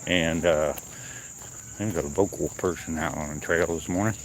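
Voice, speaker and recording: A man walking and talking on a wooded trail outdoors, chatting casually and unscripted to his viewers, with pauses. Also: very deep voice. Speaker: livestreamer on a morning walk. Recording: outdoor noise, insects and nature ambience.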